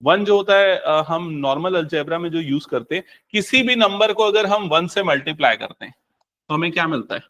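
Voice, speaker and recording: Young guy teaching maths, high bright voice, keeps quizzing the class and answering himself. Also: expressive, brisk. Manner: questioning, answers his own questions, mixes English into Hindi. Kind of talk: live classroom lesson.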